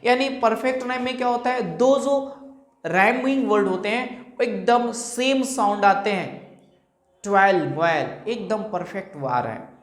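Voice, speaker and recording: A woman teaching English rhyme types in Hindi mixed with English terms. She asks a question herself and then answers it, and she repeats example words slowly to show the stress. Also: on the high side, lively intonation. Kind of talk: classroom-style lesson explaining rhyme types. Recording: echoey room.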